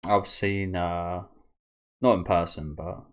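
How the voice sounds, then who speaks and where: Low-voiced man chatting casually. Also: steady tone, slow pace. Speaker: host of an anime reaction channel. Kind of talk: casual reaction commentary.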